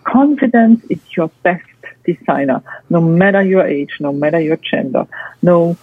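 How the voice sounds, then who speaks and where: Her voice sits on the low side, husky and animated at a normal speed, coming through a tinny phone-like line that's dry with no echo. A non-native English speaker and guest expert, she offers structured advice, hammering home and repeating her listed points.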